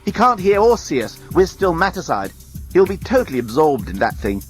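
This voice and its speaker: A man's voice: fairly high pitch, sing-song, brisk, soft background music, voice pushed up. A man voicing an impatient, amorous alien male journalist in a read-aloud story. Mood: eager.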